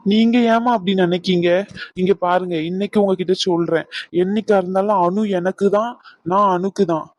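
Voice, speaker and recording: A woman's voice: mid-range voice, fairly even intonation, fairly quick, darkish tone, no echo, close to an everyday voice. A woman voicing an earnest young male doctor in a cartoon, pleading and reassuring.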